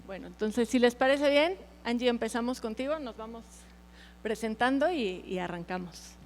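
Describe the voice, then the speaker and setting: A woman's voice: on the high side, expressive, moderate pace. A woman with a Mexican accent moderating a panel as a travel journalist, welcoming. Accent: Mexican Spanish.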